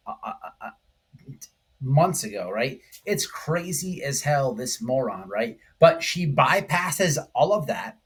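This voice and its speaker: This YouTube host does informal true crime commentary in a slightly bright, medium-pitched man's voice. He talks emphatically, using slangy language and frequently checking in with the listener.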